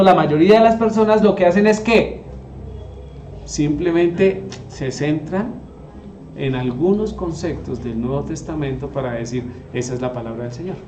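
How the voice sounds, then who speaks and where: A man's voice: a little high, a little mellow, slight background noise. A man, teaching the Bible to a group and often asking them rhetorical questions. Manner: asks the audience rhetorical questions. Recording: echoey room.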